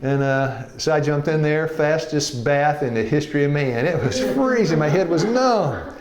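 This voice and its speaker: Laughing often, a man in his sixties recounts his life to a classroom audience in a joking, folksy way as a health evangelism teacher. His slightly high voice has lively intonation and a moderate pace, with a roomy sound.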